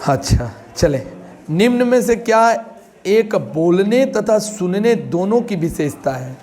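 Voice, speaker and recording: Guy with a high voice teaching an exam prep class, asks questions and gives simple examples. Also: lively intonation, slow, darkish tone. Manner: explains with questions and everyday examples.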